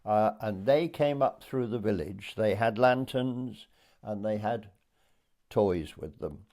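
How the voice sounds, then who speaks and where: An Englishman in his eighties from Dorset recalls his childhood for an oral history interview. His voice is fairly low and dark, and he tells his stories hesitantly, pausing as he goes.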